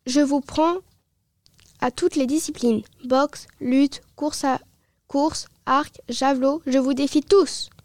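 A woman reading aloud the lines of a proud, fiery middle-aged hero, with a louder, emphatic delivery. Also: high voice, steady tone, slow pace, dry recording. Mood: defiant.

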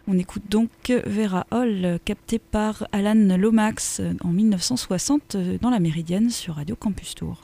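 A woman hosting a radio show, introducing music and guests in a halting way with many filler sounds. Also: mid-range voice, gravelly, dark tone. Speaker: radio host.

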